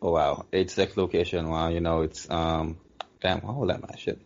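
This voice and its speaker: Low-voiced man in his thirties. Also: little pitch movement, normal speed, a little mellow, lo-fi sound. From Jamaica. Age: 30s. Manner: joking storyteller. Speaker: podcast co-host. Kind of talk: casual chat.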